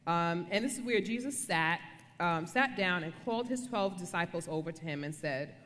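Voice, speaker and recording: A woman's voice: lowish voice, lively intonation, moderate pace, a bit bright, a little hiss or hum. A woman giving a casual devotional talk on marriage as co-speaker, conversational and playful, often checking for agreement. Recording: reverberant room.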